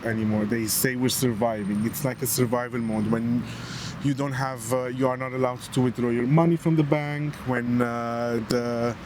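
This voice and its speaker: A man's voice: mid-range voice, flat delivery, moderate pace. A man in his thirties from Lebanon, talking as an interview guest in a casual, reflective way with many hesitations, seated on an outdoor bench by the water. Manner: reflective, hesitant with fillers, earnest. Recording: outdoor street noise, passing vehicles. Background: street traffic.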